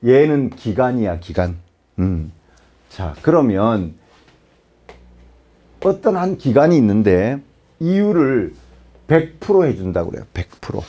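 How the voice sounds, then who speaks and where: A man's voice: mid-range voice, very animated, unhurried, pauses often, mellow. A man teaching a math lesson in a casual, chatty way, often checking with the class. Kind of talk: lecture.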